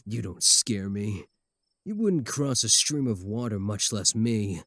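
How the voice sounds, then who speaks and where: A man's voice: fairly low pitch, lively intonation, unhurried, a bit bright, no echo, studio quality. A man voicing a possessive, boastful werewolf in a comedic ASMR roleplay, sardonic and taunting, doting on his sweetheart.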